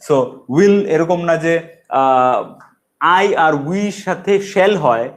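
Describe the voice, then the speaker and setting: Male online English tutor, Bengali accent, slightly raised pitch, deliberate repeating explanations. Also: animated. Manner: mixes English into explanations, self-correcting, repeats examples slowly. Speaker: English teacher. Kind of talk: online grammar lesson.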